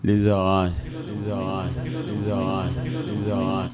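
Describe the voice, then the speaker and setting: Man, canyon echo effect repeating his words, very deep voice, slow, short answers. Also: monotone, over a noisy crowd. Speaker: interviewee. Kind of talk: casual chat.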